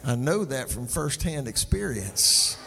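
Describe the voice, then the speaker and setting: A man's voice: mid-range voice, sing-song, a little slow, gravelly, big-room sound, background noise. A male pastor preaching a sermon, calling out to the congregation for response and sliding into a sung, rhythmic cadence. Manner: call-and-response, sing-song preaching cadence.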